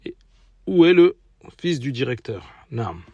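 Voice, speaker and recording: A man's voice: mid-range voice, big pitch swings, a little slow, darkish tone, husky, no echo, dull audio. A man teaching an Arabic lesson in French, patiently repeating and spelling out pronunciations for learners. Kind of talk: recorded language lesson.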